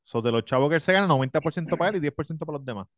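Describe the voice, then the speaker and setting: A man's voice: fairly high pitch, expressive, racing, no room sound, studio quality. A man with a Puerto Rican accent hosting a podcast in casual, joking banter with frequent swearing. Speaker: podcast host.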